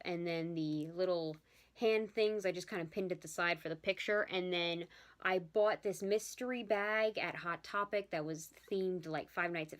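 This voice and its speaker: A young woman chatting casually in a vlog about her handmade costumes, talkative and often apologizing. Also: fairly low pitch. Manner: chatty, apologetic, yawning at times. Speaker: vlogger showing her handmade cosplays. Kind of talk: casual chat.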